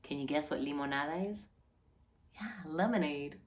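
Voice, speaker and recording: Here a woman with a deep voice reads a picture book for kids aloud, acting as storyteller. Each phrase is animated and carefully placed, with drawn-out words.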